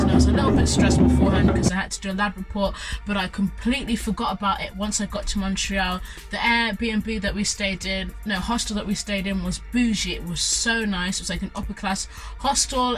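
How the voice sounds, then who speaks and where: A woman's voice: medium pitch, rough recording. A young woman from Zimbabwe, telling stories in an enthusiastic, gushing vlog chat full of fillers. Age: young adult. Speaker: student vlogger. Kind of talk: casual vlog storytelling.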